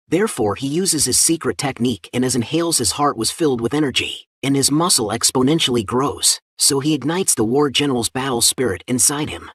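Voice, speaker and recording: Man, husky voice, dry close sound, steady scripted recap narration. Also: mid-range voice, no echo.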